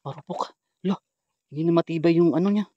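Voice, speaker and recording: High-voiced man hunting ghosts. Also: a little fast, muffled recording. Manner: hushed asides to viewers, loud calls into the dark. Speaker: paranormal vlogger. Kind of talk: ghost-hunting vlog narration.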